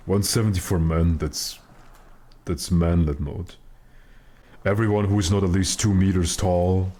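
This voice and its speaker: A man with a very deep voice chatting casually with his stream viewers while gaming, in a joking, mock-serious way. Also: steady tone, moderate pace, warm tone. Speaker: live game streamer.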